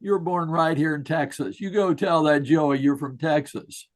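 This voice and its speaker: A man quoting a patient mother speaking gently to her young son. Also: a little high, moderate pace, close to an everyday voice. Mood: reassuring.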